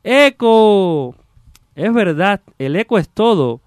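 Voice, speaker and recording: A man doing a hot-tempered rustic man shouting. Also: high voice, expressive, slow, no room sound, voice pushed up. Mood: quarrelsome. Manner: loud, exclamatory verse delivery.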